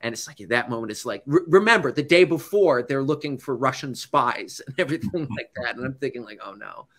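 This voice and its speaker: A male news correspondent from the United States tells stories to an audience. His talk is casual and loose, with "like" and "you know" all through it, at an ordinary middle pitch. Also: lively intonation, fairly quick, fairly bright tone.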